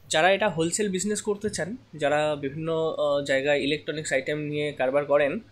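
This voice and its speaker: A man plays a seller giving a casual product demo, walking through it step by step with many hesitant pauses. His voice sits a little high.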